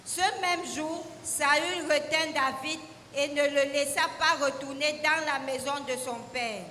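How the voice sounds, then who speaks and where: A woman reading scripture aloud in a steady, measured way during a church service. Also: high-pitched. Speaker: scripture reader. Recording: echoey hall with faint hiss.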